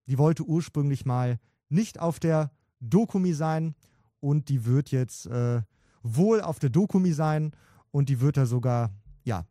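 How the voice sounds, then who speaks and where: A man's voice: fairly high pitch, dark tone, no echo, studio quality. A man co-hosting a commentary video, sharing insider gossip in a hesitant, casual way with many fillers. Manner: hesitant, filler-heavy, chuckling. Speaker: co-host sharing insider info.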